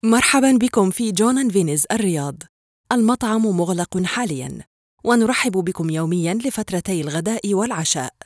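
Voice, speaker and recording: A woman reading scripted phone menu prompts in a polite, formal, clearly enunciated way. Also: mid-range voice, lively intonation, fast talker, a little mellow, dry recording, clean studio sound. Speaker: phone system voice prompt announcer.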